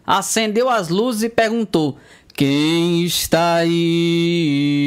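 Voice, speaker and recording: A male comedian from Northeast Brazil telling a run of jokes about country folk, jumping into character voices for the punchlines. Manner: lively storyteller, jumps into squeaky character voices. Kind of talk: joke telling.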